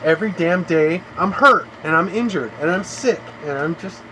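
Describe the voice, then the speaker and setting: A man's voice: sits high, lively intonation, normal speed, sharp tone, slight background noise, rough recording. A man streaming a game live, rambling through long complaints and often saying "you know". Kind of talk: live gameplay commentary.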